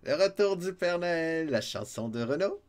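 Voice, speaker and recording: A man's voice: fairly high pitch, lively intonation, measured pace. A man with a Québécois French accent giving casual, playful gameplay commentary as a streamer, teasing his viewers and chuckling often. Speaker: let's-play streamer.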